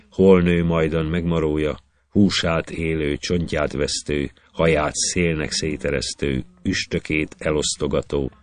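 A man with an extremely deep voice recites an epic poem. He lets each line of verse fall into a measured, rhythmic beat. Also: no echo. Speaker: poetry reader.

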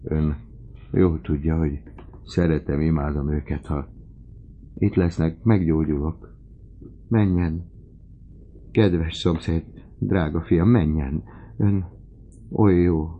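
A man voicing a dying old father in an audiobook, swinging between desperate shouts and faint whispers. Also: extremely low pitch, steady tone, pauses often, phone-quality sound, a little hiss or hum. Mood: imploring. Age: older. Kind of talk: audiobook character reading.

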